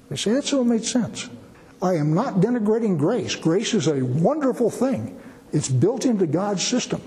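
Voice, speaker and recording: A man preaching in a blunt, emphatic way, hammering points home by repeating phrases. His voice sits high yet sounds dark and mellow. It rings with a long reverb. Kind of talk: preaching commentary.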